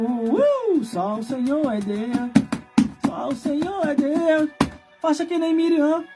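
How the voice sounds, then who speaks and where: Preaching with fire, a Brazilian man in his forties shouts and scolds, hammering points through repetition in a very high voice.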